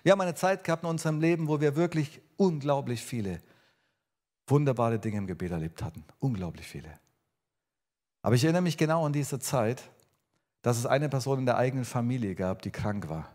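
A man preaching a sermon to his congregation, earnest and personal, swinging between emphatic lines and quiet ones. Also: medium pitch, animated, a little fast. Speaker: pastor.

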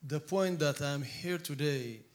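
Man giving halting testimony. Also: a little high. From Ethiopia. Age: 40s. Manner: halting, repeats words while searching. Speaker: guest speaker. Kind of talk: testimony in a church, paused for interpretation.

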